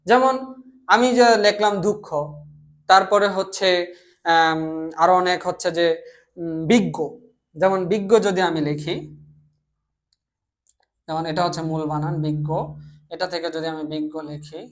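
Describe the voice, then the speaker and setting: A man's voice: sits high, moderate pace, pauses often. A young man from Bangladesh teaching a language lesson, explaining step by step, often repeating himself and answering his own questions. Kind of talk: classroom lecture.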